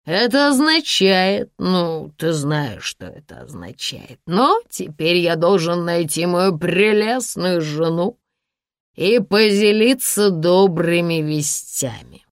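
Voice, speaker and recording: A woman's voice: lowish voice, sing-song, takes it slowly, dry recording, studio quality, exaggerated voice. A woman reading an audiobook, voicing a drunken, boastful ruined man who slurs his words theatrically. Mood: drunk, mocking. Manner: slurred, theatrical, loud. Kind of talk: audiobook character voice.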